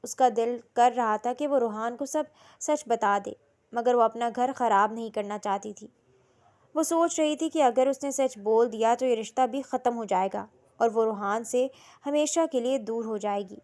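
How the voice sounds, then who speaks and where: A woman reading a romance novel aloud in slow, emotional storytelling narration. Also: a little high, darkish tone.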